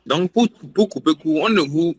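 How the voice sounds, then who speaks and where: A man's voice: on the high side, normal speed, slightly rough, no echo. A man interviewing a guest in casual chat, stammering over his words and jumping in eagerly.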